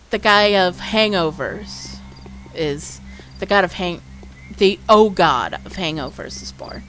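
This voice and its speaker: A woman's voice: fairly low pitch, a bit bright. A woman from the US chatting casually and wryly while playing a game on stream. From United States. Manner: chatty, rambling, wry. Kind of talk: casual gameplay commentary.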